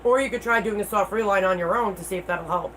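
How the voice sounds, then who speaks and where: A middle-aged woman talks casually to her livestream viewers in a candid, unpolished way. Her speech sounds toothless, at an ordinary female pitch. There is faint noise from the room around her. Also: fast, low-quality recording. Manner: candid, informal, mild swearing. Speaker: livestream host.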